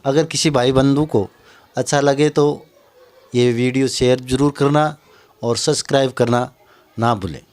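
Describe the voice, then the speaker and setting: A man presenting his school's testing system, speaking slowly and formally and mixing in English words. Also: medium pitch, steady tone, a little mellow. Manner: measured and slow, mixes English words into formal speech. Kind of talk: slow formal talk to camera.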